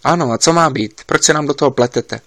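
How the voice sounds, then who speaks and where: A man reading an audiobook, voicing an impatient emergency doctor who shouts in irritation. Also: medium pitch, no echo. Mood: angry.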